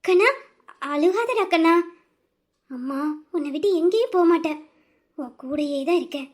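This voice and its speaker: A woman voicing a loving mother who softly consoles and reassures her crying son in an audio drama. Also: very high voice, animated, moderate pace. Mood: tender soothing. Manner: soft, soothing, reassuring. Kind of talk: Tamil audio drama acting.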